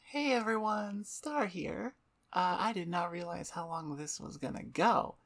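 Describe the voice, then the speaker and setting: A gravelly, lowish female voice, a touch slow, belongs to an ASMR channel host winding down with a loose, self-mocking outro ramble. She sits on the floor at a computer desk, her microphone about twelve inches from her at eye level.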